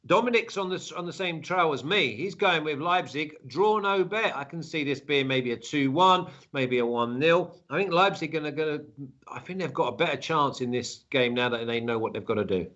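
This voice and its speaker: A man's voice: on the high side, expressive, moderate pace, fairly bright tone, lo-fi sound. A man with a south London accent chatting casually as a football show host, teasing and blunt. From south London, England.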